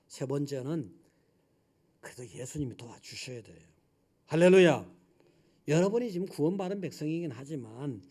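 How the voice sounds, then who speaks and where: A male pastor delivering a Sunday sermon in a high, lively voice. He swings from shouted hallelujahs to hushed asides and acts out little scenes as he talks. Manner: dramatic, swinging from loud shouts to soft asides. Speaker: senior pastor.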